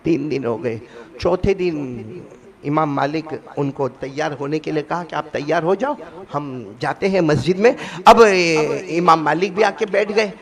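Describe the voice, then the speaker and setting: A man preaching a storytelling sermon, impassioned, with rhythmic repetition that builds to shouted peaks. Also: on the high side.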